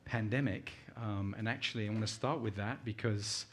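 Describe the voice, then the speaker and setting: A middle-aged British man, originally from Uganda and now of the United Kingdom, gives an informal, conversational talk as a conference guest, sharing personal anecdotes and asking his audience questions. His voice is lowish and his speed normal, with a little hiss or hum in the recording.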